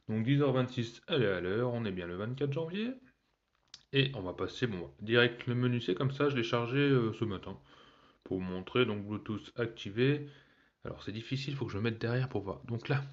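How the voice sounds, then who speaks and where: Over lo-fi sound, a man with a medium-pitched voice talks through an unboxing review of a cheap gadget. This tech reviewer is chatty and joking, filling gaps with hesitations and many fillers.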